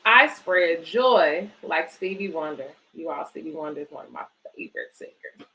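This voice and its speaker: This book organisation director hosts children's bedtime storytime, reading picture books and encouraging families in a low-sitting, animated voice. She speaks at a moderate pace, her tone pushed and bright, in a rough recording.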